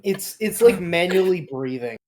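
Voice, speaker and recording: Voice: medium pitch, animated, normal speed, a loud crowd. Hesitant game master explaining rules. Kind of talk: narrating a tabletop game.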